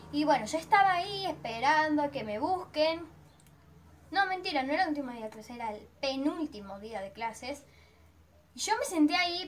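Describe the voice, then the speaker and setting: A woman's voice: high voice, a little hiss or hum. A teenage girl with an Argentine accent telling a personal story in a chatty vlog, dramatically acting out her own reactions. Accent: Argentine Spanish. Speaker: vlogger.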